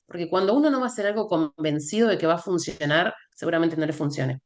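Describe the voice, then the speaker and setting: Argentine woman telling a lively story. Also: lowish voice, fast. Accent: Argentine Spanish. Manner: animated anecdote-telling, acts out quoted dialogue. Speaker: guest, functional biochemist. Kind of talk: casual conversation, storytelling.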